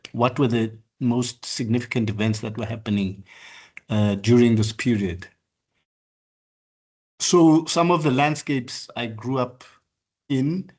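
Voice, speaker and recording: An older man from southern Africa, an architect, delivers an online practice lecture about his work. He speaks in a measured, halting way, often pausing on fillers and restarting phrases. His voice is fairly low and a little mellow.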